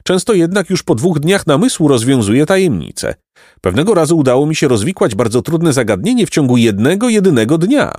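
A man's voice: a little high, big pitch swings, a little fast, darkish tone, no room sound, clean studio sound, voice pushed up. A man voicing a pompous, stubborn male donkey who fancies himself a philosopher, in a lofty, ponderous storybook manner. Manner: lofty, ponderous, self-important. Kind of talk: audiobook reading of a children's tale.

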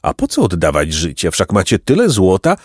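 A man's voice: deep voice, wildly swooping pitch, moderate pace, no echo, clean studio sound, exaggerated voice. A man voicing a plain, puzzled young wanderer in an audiobook, speaking simply and respectfully. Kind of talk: audiobook character reading.

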